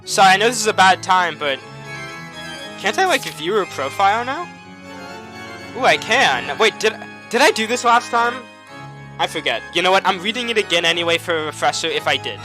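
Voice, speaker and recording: A man's voice: high voice, normal speed, low-quality recording. Man reading a visual novel aloud. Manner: animated, confused reactions between narration. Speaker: let's play host. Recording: game music under the voice. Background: game background music.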